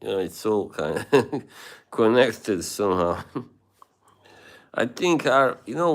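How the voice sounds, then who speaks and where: The host of a casual livestream, a man with an Eastern European accent and a fairly low pitch, talks with viewers, laughing regularly and cursing casually.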